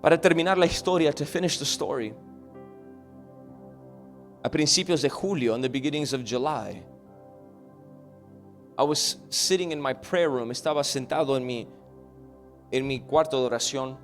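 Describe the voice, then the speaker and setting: Man preaching a bilingual sermon, over music. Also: mid-range voice. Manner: preaching loudly in the opening, then quiet and halting as he tells a personal story; hesitant, repeats words as he searches for them. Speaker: pastor. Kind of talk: bilingual sermon, repeating each line in English and Spanish.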